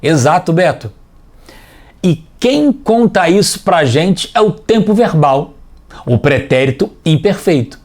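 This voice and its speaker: A man teaching a scripted TV language lesson for children, explaining clearly and patiently, step by step. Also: a little high, very animated, unhurried, a little mellow.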